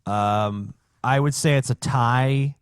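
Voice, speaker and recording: A man's voice: mid-range voice, slow, clear, resonant tone, dry recording, studio quality. A man co-hosting a podcast, chatting casually with blunt opinions and swearing. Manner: blunt, profane. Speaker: podcast co-host.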